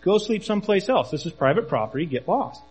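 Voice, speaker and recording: A stern father giving curt, firm orders in a husky, fairly high male voice, as a preacher quotes him. He stays calm and does not budge. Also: a little fast, full character voice. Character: stern, unflinching father standing his ground.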